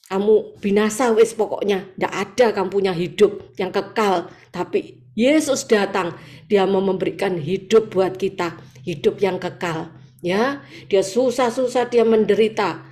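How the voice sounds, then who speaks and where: A woman with an East Javanese accent preaching a sermon over a video call, lively, acting out quoted voices and laughing often. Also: medium pitch. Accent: East Javanese Indonesian. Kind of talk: sermon at an online morning prayer meeting. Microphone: video call audio.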